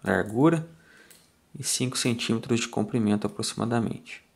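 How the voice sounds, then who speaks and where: A man with a Brazilian Portuguese accent explains fly tying step by step in a calm, methodical way, counting off each turn aloud. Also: mid-range voice, normal speed, vocal fry, noisy background. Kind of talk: step-by-step tutorial narration.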